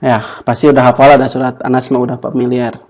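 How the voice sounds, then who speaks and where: A man's voice: mid-range voice, flat delivery, fast talker, darkish tone, rough recording. A young man, teaching a class, drilling students with repeated questions. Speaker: Quran Arabic teacher. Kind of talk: classroom lesson.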